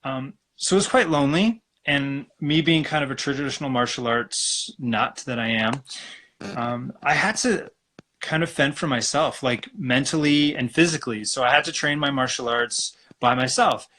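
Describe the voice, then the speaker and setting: A man from Alberta, Canada, talking as a guest acupuncturist in a relaxed, rambling way over a video call. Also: medium pitch, moderate pace. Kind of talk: casual live-stream interview.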